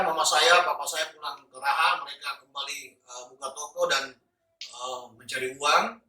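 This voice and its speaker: A man's voice: on the high side, bright, forceful tone. A man sharing a personal religious testimony, in an earnest manner with fillers and restarts. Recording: echoey room, distant mic.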